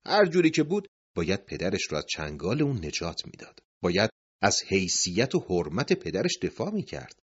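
Low-voiced male storyteller with dramatic swings. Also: wildly swooping pitch, slightly rough. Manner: dropping to hushed tones at sentence ends. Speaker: narrator. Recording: dull lo-fi recording.

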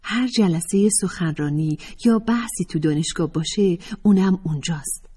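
A woman's voice: lowish voice, warm tone, husky. A woman narrator voicing a friendly young woman student who talks in a confiding, gossipy way.

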